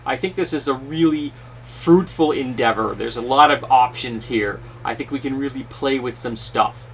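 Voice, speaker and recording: A man's voice: medium pitch, normal speed. A man talking casually to camera as a YouTube host, recorded at home. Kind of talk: casual talk to camera about tabletop role-playing. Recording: distant mic, steady fan noise. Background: whirring fan noise.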